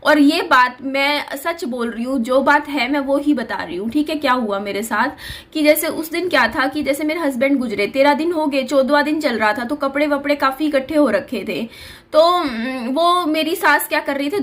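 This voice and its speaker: Young woman, high voice, earnest, confiding, repetitive storytelling vlog. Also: fairly bright tone. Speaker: vlogger. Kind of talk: personal storytelling to camera.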